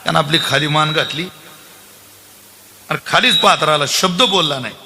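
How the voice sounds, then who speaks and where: A man's voice: fairly high pitch, normal speed, vocal fry, slight background noise. A man preaching a devotional kirtan sermon, telling a story and quizzing his audience. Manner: animated storyteller, acts out characters and questions the audience.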